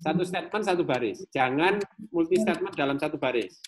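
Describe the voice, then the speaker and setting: Animated Indonesian lecturer demonstrating code. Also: male voice, fairly high pitch, a little fast, a little hiss or hum. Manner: repetitive, thinks aloud while demonstrating. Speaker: programming lecturer. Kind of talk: live class, explaining code on screen.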